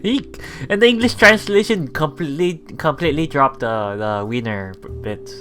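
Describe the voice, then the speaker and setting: Reading out and translating the lines of a visual novel, a let's play host comments casually and hesitantly at a measured pace, medium-pitched and a bit bright with lively intonation. Guitar background music from the game sits behind the voice.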